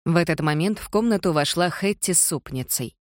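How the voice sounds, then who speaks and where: An audiobook narrator reading a period romance in an even, measured way. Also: mid-range voice, no room sound, clean studio sound. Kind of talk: scripted narration.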